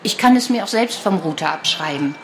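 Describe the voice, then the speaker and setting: A woman's voice: low-pitched, lively intonation, fairly quick, slight background noise, pitched below the performer's own voice. A woman voicing a polite, earnest young girl glued to her phone, in a storybook read-aloud.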